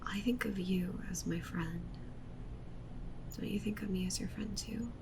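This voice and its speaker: In this ASMR roleplay, a woman portrays a yandere witch streamer who is clingy and possessive, begging the listener intimately and often sliding into breathy whispers. She speaks at a medium pitch and a little slowly over background noise, with an insistent, pleading mood.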